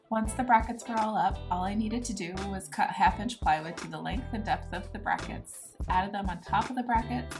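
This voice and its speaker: A woman in her thirties narrates her home project in a steady, matter-of-fact voice-over, her pitch sitting in an ordinary middle range. Guitar music plays clearly behind her the whole time. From Norway. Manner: plain, matter-of-fact storytelling. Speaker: DIY vlogger. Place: voice-over, not recorded on site.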